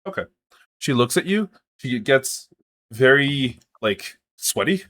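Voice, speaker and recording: A man's voice: medium pitch, expressive, takes it slowly, fairly bright tone. Casual man game master. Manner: casual, filler-heavy descriptions. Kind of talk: narrating a tabletop game.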